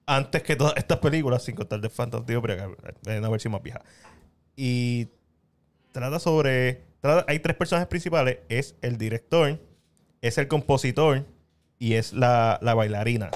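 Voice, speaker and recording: A man's voice: mid-range voice, moderate pace. Enthusiastic podcast man. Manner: enthusiastic, recommends films with repeated praise. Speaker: podcast host. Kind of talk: casual film chat.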